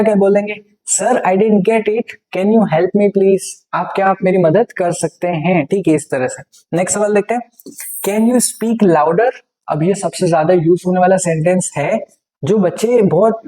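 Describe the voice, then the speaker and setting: A man teaching spoken English, explaining each phrase in Hindi and repeating the English slowly and patiently. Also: high-pitched, warm tone, rough recording.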